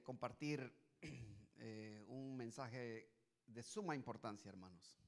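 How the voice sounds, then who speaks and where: A middle-aged male pastor from Guatemala gives a sermon as a guest preacher, his gravelly, medium-pitched voice hesitant and full of restarts at first before it builds into emphatic preaching.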